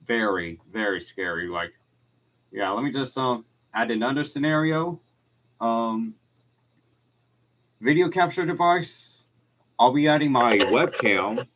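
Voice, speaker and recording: Male amateur weather stream host, halting delivery, repeated phrases, radio-style update announcements. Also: mid-range voice, expressive, a bit bright, slight background noise. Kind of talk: improvised live storm coverage commentary.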